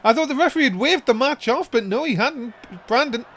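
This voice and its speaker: A man doing informal play-by-play as a wrestling commentator, given to drawn-out, excited calls. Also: very high-pitched. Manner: breaks into drawn-out excited shouts at big moves.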